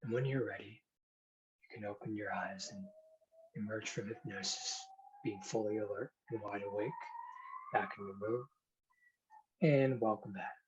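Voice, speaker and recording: A man with a fairly low voice works as a hypnotherapist. He gives gentle, soothing guidance in an unhurried way, as in a hypnosis session. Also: fairly even intonation, muffled recording, noisy background. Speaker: hypnotherapist demonstrating a hand induction. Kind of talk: guided hypnosis and explanatory talk.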